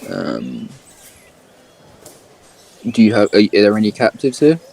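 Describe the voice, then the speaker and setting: A man's voice: lowish voice, wildly swooping pitch, a little slow, vocal fry, darkish tone. A man playing a tabletop game on a voice call, casual and thinking aloud with fillers. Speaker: player.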